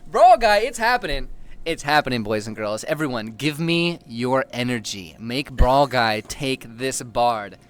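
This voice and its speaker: Here a young man casts a gaming tournament with playful, joking commentary that gets the chat excited. He speaks in a smooth, expressive mid-range voice, a little slowly, over faint background noise.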